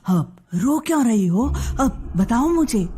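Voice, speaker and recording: A woman voicing a gentle, gullible husband and father, speaking softly and mildly. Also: sing-song, takes it slowly, a little hiss or hum. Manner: soft, lowered, mild-mannered speech. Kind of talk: storybook character acting.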